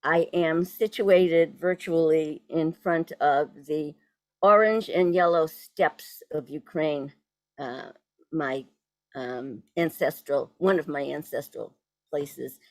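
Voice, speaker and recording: A woman with a Boston accent giving an informal online presentation in a halting, deliberate manner. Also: low voice, dry recording. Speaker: poet introduced as guest speaker. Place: virtual event on video call.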